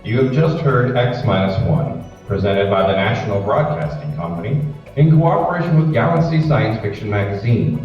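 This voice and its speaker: A man's voice: lowish voice, muffled recording. A man reading scripted credits and promotion as an old-time radio announcer. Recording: reverberant hall, distant, loud music behind. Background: music.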